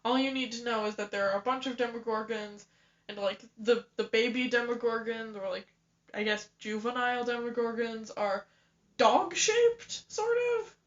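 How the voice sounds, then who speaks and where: A woman's voice: fairly high pitch, moderate pace. A young woman co-hosting a casual podcast, giggly and a little hesitant as she explains things. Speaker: podcast co-host. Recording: dull lo-fi home recording.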